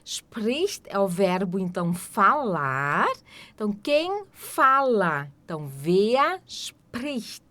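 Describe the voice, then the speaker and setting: A woman with a Brazilian Portuguese accent teaching an online German lesson, explaining step by step and slowly repeating each German word several times. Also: medium pitch, big pitch swings, bright, forceful tone. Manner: explains step by step with frequent "tá?" and "né?" checks.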